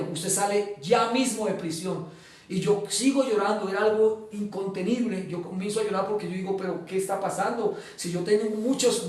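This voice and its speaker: A man gives an earnest personal testimony in an interview, acting out the dialogue he quotes and pausing on filler sounds. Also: high voice. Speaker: guest giving testimony. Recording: echoey room, mic at a distance.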